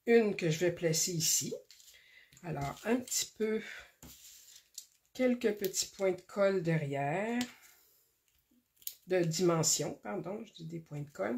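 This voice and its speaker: Woman doing a craft tutorial, slow and careful, lots of little ums, lowish voice. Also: creaky, darkish tone, slight background noise. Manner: slow, careful, talks through each step with many fillers. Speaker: card-making tutorial host. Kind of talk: casual craft demonstration.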